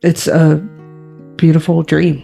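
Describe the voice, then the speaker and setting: A woman's voice: low-pitched, monotone, takes it slowly, creaky, dark tone, faint music behind. A woman casually narrating her part in a tabletop game, hesitant and full of restarts. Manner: hesitant, lots of fillers and restarts. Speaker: tabletop game player and storyteller.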